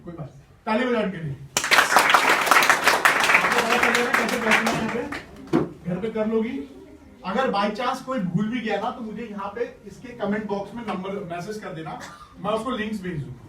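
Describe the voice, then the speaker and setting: A man teaching a class of schoolchildren, encouraging and playful as he coaxes them to try. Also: sits high. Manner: encouraging and playful, coaxing pupils. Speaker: teacher running a school workshop. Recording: echoey room, distant mic, noisy class.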